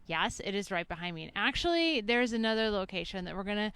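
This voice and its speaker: Quick and expressive, a woman with a medium-pitched, slightly bright voice rambles playfully as she strolls past a house on a spring day, filming herself with a handheld camera or phone. The author vlogger's audio is clean, without echo.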